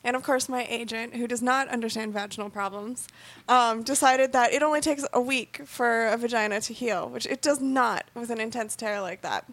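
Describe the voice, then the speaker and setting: Higher-pitched woman swearing through a story. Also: normal speed, a bit bright. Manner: blunt, profane storytelling. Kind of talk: casual chat.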